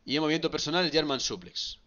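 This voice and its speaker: A man with a Galician Spanish accent commentating his own gameplay on a live stream, excitable and prone to shouting and repeating words. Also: fairly high pitch, fast, lo-fi sound. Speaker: gaming streamer.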